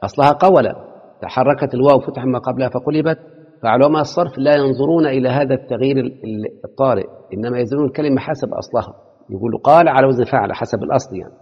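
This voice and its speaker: An Egyptian-accented teacher of Arabic morphology lectures a class on a text, quizzing students with rhetorical questions and mixing formal speech with colloquial asides. His medium-pitched voice is rapid-fire and slightly rough, captured in a dull, echoey hall.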